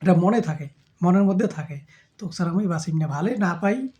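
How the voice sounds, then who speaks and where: A man with a Rajbongshi accent speaking slowly and humbly in a casual chat, explaining his feelings before trying to sing a song. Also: sits high, animated, mellow. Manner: slow, reflective, humble talk in a rural dialect. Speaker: amateur singer. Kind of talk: casual spoken introduction before singing.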